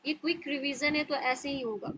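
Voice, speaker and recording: A woman's voice: sits high, steady tone, moderate pace, fairly bright tone, slight background noise, low-quality recording. A woman teaching an online Quran recitation class, explaining step by step and often checking in with her students.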